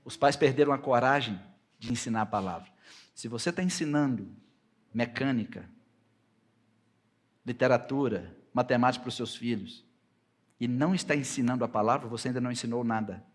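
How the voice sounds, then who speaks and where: A man with a Brazilian Portuguese accent preaching a sermon as pastor, slowing to stretch out scripture readings and climbing to loud, high passages when he quotes God and Moses.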